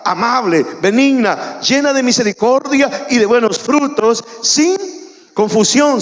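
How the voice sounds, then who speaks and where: A man from El Salvador preaching a sermon to his congregation, emphatic and repetitive, recorded in a church. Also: very high-pitched. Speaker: pastor. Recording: long reverb of a church hall.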